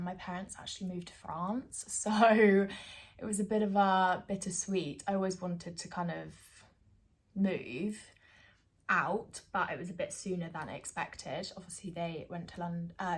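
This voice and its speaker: A woman, chatting casually to her phone camera at home with plenty of fillers and giggles. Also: mid-range voice. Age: 20s. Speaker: vlogger.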